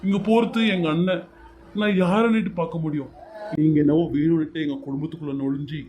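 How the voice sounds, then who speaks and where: An earnest younger brother, voiced by a man, pleading to keep his family together in a homemade serial drama. He ends almost every line by calling his brother, and his voice sits a little high, with faint noise behind it. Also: muffled recording, natural voice.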